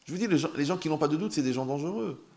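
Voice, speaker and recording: A man, a rabbi, giving an animated Torah class, joking and speaking directly to his listeners. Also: a little high, racing, gravelly. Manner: joking, talks straight to listeners.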